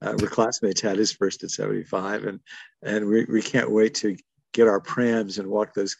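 A man's voice: fairly low pitch, flat delivery, normal speed, vocal fry, husky, no room sound. A man in his seventies, talking thoughtfully and wryly in an interview, chuckling between stories. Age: 70s. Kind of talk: reflective conversational storytelling.

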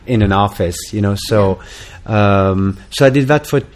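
A man's voice: lowish voice, measured pace. A man from France with a French accent, a musician guest in a casual interview, talking hesitantly with many fillers and restarts.

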